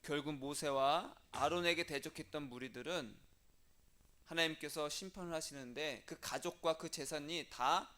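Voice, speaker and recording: A male Korean pastor giving a lively sermon, acting out biblical figures with shifting voices and asking the congregation questions. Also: fairly high pitch, normal speed. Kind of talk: animated sermon with acted-out quotes.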